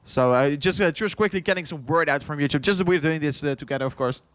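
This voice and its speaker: With a slightly high voice, a quick pace and a bit of brightness, this young Dutchman chats casually through a long crypto livestream in a Dutch accent, recorded with no echo. He's tired after hours on air, so he rambles and repeats things, chuckles often and reads the chat aloud.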